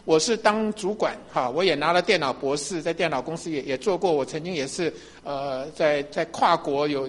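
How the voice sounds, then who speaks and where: 一位中年男牧师在讲道中分享自己的见证，语气随意，常常笑，口头语很多。. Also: male voice, fairly high pitch, a bit bright, breathy edge. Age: middle-aged. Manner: chatty, laughs often, frequent fillers. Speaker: pastor. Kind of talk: sermon testimony.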